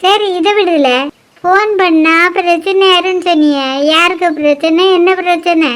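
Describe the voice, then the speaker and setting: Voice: very high-pitched, fairly even intonation, normal speed, a bit bright. Someone voicing a bossy nosy village granny. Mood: scolding. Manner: scolding, prying, lecturing. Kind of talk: cartoon voice acting.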